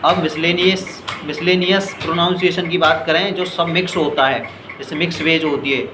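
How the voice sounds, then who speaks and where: An Indian man teaching spoken English in Hindi, explaining step by step and often asking whether his students understood. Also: fairly high pitch. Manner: explains slowly, asks "clear?" and "ठीक है" often; reads English examples very slowly and deliberately. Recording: echoey room with noisy background.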